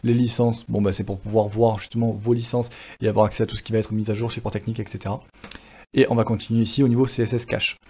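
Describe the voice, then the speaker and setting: Relaxed French man walking through a tutorial. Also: fairly low pitch, quick pace, slightly rough. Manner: relaxed, chatty, many fillers and restarts. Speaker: WordPress tutorial presenter. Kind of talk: casual screen-recorded tutorial. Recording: slightly dull lo-fi sound.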